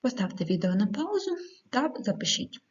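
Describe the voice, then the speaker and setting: A woman teacher giving a video lesson to schoolchildren, dictating words slowly and clearly with the odd hesitant filler. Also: medium pitch, big pitch swings. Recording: dull lo-fi recording.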